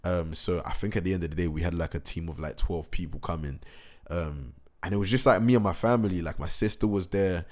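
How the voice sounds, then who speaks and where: Low-voiced young man, excitable. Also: a little fast. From England. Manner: excitable, rambling, slangy, many fillers and restarts. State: hoarse, recovering from a cold. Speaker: musician. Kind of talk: casual vlog recap.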